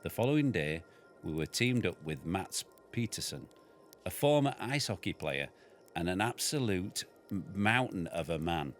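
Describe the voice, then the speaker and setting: A man reads the family's tale in a dry storytelling manner, his voice very low and deep. Faint music runs underneath. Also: expressive, moderate pace. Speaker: farmer reading his book aloud. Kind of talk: reading a memoir aloud.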